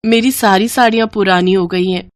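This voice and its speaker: A woman voicing a meek, humble young daughter-in-law in a cartoon story, speaking softly and politely. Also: medium pitch, fairly even intonation, a little fast, dry recording, studio quality, lightly acted. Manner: soft, polite.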